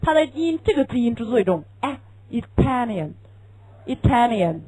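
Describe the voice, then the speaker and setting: A woman with a high-pitched, dark-toned, breathy voice teaches English a little quickly and expressively. Chinese is her first language; she explains things patiently, throws out rhetorical questions, and repeats key phrases. The recording is low quality.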